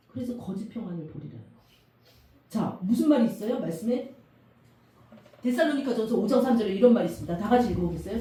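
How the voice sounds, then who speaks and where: A middle-aged woman pastor preaching a sermon, animated and emphatic, asking the congregation questions. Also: high-pitched. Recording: echoey room from far off.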